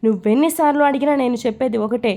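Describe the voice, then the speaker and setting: A woman's voice: a little high, quick pace, warm tone, natural voice. A woman reading the part of an indignant young man protesting his innocence in an audio story. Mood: defiant. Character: defiant young man under interrogation, protesting.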